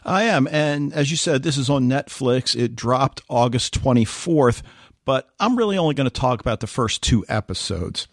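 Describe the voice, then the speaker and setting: A podcast co-host with a mid-range voice chats casually and tells animated stories at a normal speed. The recording is studio quality with no room sound.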